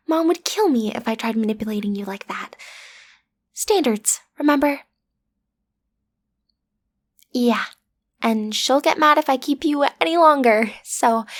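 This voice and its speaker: A woman with a slightly high voice plays the cute, easily flustered teenage daughter of a villain in an audio roleplay. She stammers earnestly as she tries to seem intimidating.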